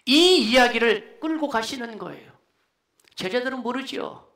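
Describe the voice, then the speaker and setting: Bright, high-voiced man preaching. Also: lively intonation, moderate pace. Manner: emphatic, exhorting, drops into quiet asides. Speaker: pastor. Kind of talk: sermon. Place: church sanctuary. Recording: echoey church hall.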